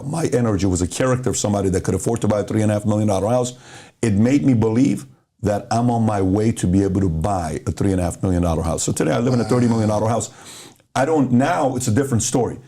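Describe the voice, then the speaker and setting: A middle-aged Iranian man, his voice fairly low and fast, appears as a podcast guest telling motivational stories. He's animated and acts out the dialogue within each story.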